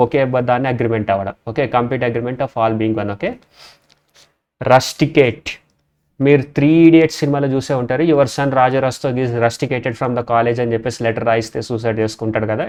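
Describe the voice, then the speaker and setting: A man's voice: medium pitch, smooth. A man teaching English vocabulary in a casual lesson, spelling words out letter by letter and saying "okay" again and again. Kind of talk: casual lesson explaining word roots.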